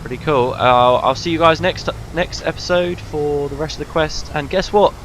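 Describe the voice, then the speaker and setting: A man's voice: on the high side, moderate pace, a bit bright, a little hiss or hum. A man giving casual, informal commentary as he plays a video game, sometimes hesitant. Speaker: video game let's player.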